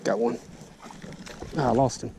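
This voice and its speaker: On a small river boat, a young Alabama man in his twenties talks in a casual, folksy Southern way for his fishing vlog, with an action camera held out or strapped to his chest. He has a gravelly, mid-range voice, fairly even in tone, and a measured pace. Outdoor noise fills the recording.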